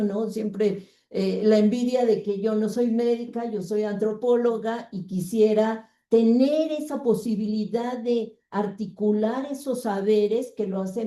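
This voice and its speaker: A woman, an anthropologist and seminar moderator, speaking in slow, measured comments. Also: fairly high pitch, mellow. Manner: slow, measured, praising remarks. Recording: roomy audio from far off the mic.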